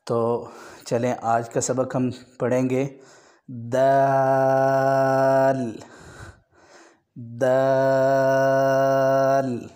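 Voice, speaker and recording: Male Quran tutor from Pakistan, monotone delivery, drawn-out letter sounds, brisk explanations. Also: mid-range voice. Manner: stretches out each letter sound slowly as a model, then explains at a brisk pace. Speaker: Quran reading teacher. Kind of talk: online lesson for beginners.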